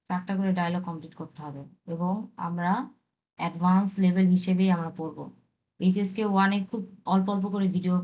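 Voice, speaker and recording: A woman teaching a language lesson, patiently explaining words and repeating them slowly for practice. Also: medium pitch, a little mellow.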